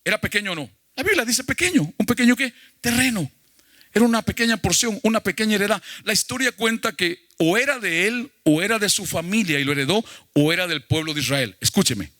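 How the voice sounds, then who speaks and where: A man's voice: sits high, lively intonation, fairly quick, bright, forceful tone, no room sound, studio quality. A male pastor preaching a sermon emphatically, putting questions to the congregation.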